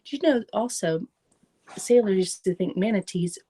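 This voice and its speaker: In a warm, animated, mid-range voice with a breathy edge, a middle-aged woman reads a children's nonfiction book at a moderate pace. She reads carefully and adds simple explanations for young listeners.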